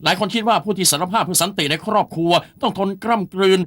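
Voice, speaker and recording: A man's voice: sits high, fast, fairly bright tone. A man voicing a brash, bossy friend who lectures the husband on what to say, for a fan dub of a comedy film. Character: bossy scheming male friend giving advice.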